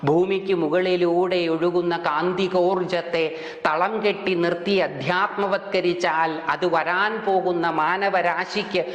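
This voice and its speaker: Slow-speaking older man, echoey hall. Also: sits high, steady tone, a bit bright, dull audio. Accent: Kerala Malayalam. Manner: slow, deliberate oratory with long pauses. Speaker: spiritual speaker. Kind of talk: religious discourse.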